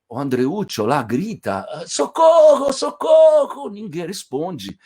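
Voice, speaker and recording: Animated male storyteller. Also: mid-range voice, breathy edge. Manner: animated, playful, with restarts. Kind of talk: casual oral retelling of a classic tale.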